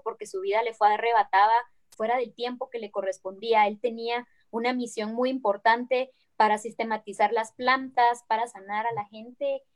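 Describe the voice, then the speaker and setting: A woman from Guatemala with a Guatemalan accent and a somewhat high voice. She speaks earnestly and thoughtfully as an interview guest. She keeps checking in with her listener as she talks. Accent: Guatemalan Spanish. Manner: reflective, earnest, tags phrases with "¿no?". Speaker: guest activist. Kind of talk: conversational interview.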